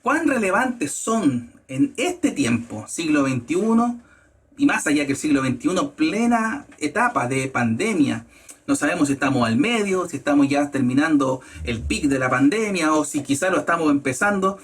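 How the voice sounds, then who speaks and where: Guy preaching, kinda husky, punches key words higher. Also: sing-song. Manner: measured teaching, stressing key words with rising pitch. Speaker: pastor. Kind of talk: sermon.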